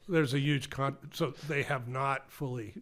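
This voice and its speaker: An older man speaking with an Ipswich, Massachusetts accent, settled into a casual conversation as a guest. He talks slowly and unhurriedly, wandering through asides and poking fun at himself. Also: medium pitch, fairly bright tone, slight background noise. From Massachusetts, USA. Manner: rambling, self-deprecating, chuckling. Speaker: podcast guest.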